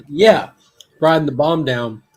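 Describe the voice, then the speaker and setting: A man chats casually as a guest on a friend's livestream. He keeps the mood light with teasing jokes and laughs often as he talks. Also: on the high side. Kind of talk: casual chat.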